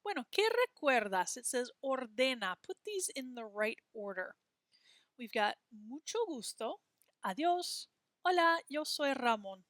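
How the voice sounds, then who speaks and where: A woman teaching a beginner Spanish class from a textbook, modeling words slowly and clearly for students to repeat. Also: on the high side, sing-song, a bit bright, dry recording. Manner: slow, exaggerated modeling of words for repetition. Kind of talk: classroom lesson reading from a textbook.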